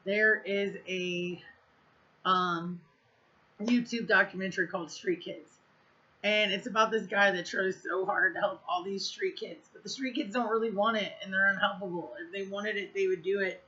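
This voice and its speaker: A woman's voice: medium pitch, steady tone, normal speed, sharp tone, muffled recording. A woman telling a story in a casual vlog, blunt and profane, rambling with lots of fillers. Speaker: vlogger.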